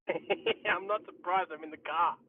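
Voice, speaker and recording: A man's voice: high voice, takes it slowly, a crowd in the background. A man calling in from his car, his voice coming through with a hollow echo-chamber sound, talking casually and breaking off mid-sentence. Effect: hollow echo-chamber sound over a voice call. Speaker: caller on a livestream. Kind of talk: casual chat. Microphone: phone on a voice call. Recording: tinny, distant echoey call audio.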